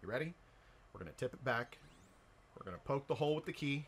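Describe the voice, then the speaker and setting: A man's voice: mid-range voice, animated, fast. An American man chatting casually on a livestream, rowdy and jokey, swearing freely. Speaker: live streamer. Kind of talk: casual, profane livestream chat.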